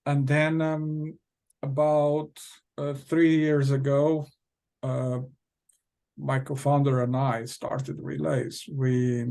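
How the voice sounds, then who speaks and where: A man's voice: medium pitch, gravelly, darkish tone. A middle-aged man with a Portuguese accent, a company founder talking casually as an interview guest, hesitant with many fillers and restarts.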